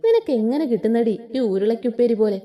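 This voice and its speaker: A woman's voice: fairly high pitch, animated, a little fast, highs cut off, close to an everyday voice. Woman voicing a grumpy older brother. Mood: grumbling.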